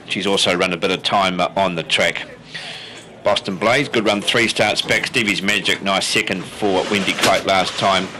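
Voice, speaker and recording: A man's voice: sits low, sharp tone. A man with a broad New Zealand accent giving greyhound race previews and commentary.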